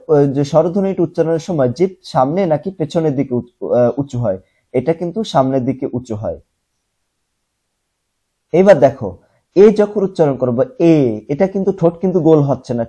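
A young man teaching a class, who explains step by step, asks questions and answers them himself, and repeats sounds slowly to show how they are said. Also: a little high, dark tone, slightly rough. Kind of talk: classroom lesson.

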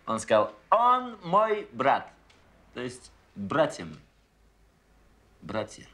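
Swooping, chummy tipsy musician. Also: male voice, medium pitch, huge pitch swings, takes it slowly, pushed and bright, heavily acted. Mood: proud. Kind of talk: film acting.

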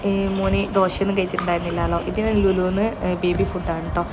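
Fast-talking mother narrating her day. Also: on the low side, level tone, background noise. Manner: chatty, tags sentences with "you know", frequent hesitation sounds. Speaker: vlogger, mother of two small boys.

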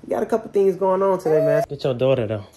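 A man's voice: fairly high pitch, sing-song, fast, dark tone. A young man chatting casually to camera in a family vlog, slangy, laid-back and teasing. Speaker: family vlogger.

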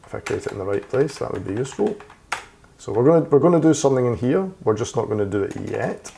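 A man teaching a coding tutorial who thinks aloud as he types, with fillers and quick self-corrections, and sounds a little hoarse. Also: mid-range voice, lively intonation, warm tone, a little hiss or hum. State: slightly hoarse, losing his voice. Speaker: programming tutor. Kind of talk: screen-recorded coding tutorial. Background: keyboard typing and clicks.

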